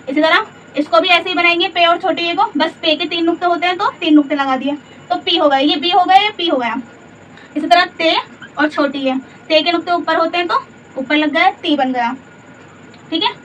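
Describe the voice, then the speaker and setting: With a very high, fairly even, brisk, and slightly bright voice, a woman teaches Urdu letters in a slow step-by-step lesson. She repeats each letter patiently and asks simple rhetorical checks, heard through a distant mic with dull lo-fi sound and faint room noise.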